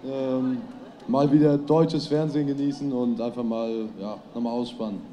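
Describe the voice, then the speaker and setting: A man's voice: mid-range voice, steady tone, normal speed, highs cut off, crowd noise. A young male athlete answering interview questions in short, plain sentences, sounding tired.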